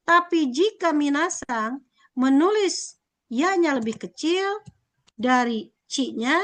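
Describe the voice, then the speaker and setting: Slow, high-voiced woman teaching a lesson. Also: expressive. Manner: slow, repetitive, checks understanding often. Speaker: Japanese language teacher. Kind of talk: recorded classroom lesson.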